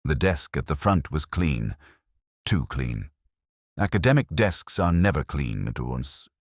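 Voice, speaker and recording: Male actor as rumpled, melancholy inspector narrating detective drama; extremely low voice, expressive swings, dry close sound. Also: no room sound, heavily acted. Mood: quietly pensive. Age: middle-aged. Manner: measured, literary, brooding. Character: greying, sharp-witted, rumpled, melancholy English police inspector. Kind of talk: scripted first-person detective audio drama narration.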